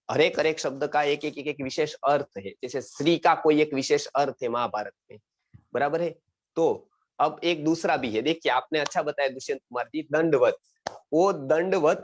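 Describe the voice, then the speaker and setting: A middle-aged man from India teaching an online Sanskrit lesson, repeating words and checking that his students follow. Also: on the high side. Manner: quizzing students, repeats words, frequent "samajh gaye?". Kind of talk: explanatory online class lecture.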